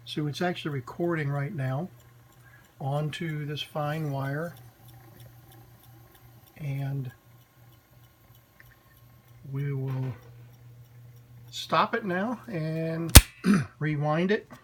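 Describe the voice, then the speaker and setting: Slow-talking man over loud hum. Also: fairly high pitch. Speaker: demonstrator of a vintage wire recorder. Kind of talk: unscripted hands-on demonstration. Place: small cluttered indoor workshop. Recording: noisy, with steady electrical hum.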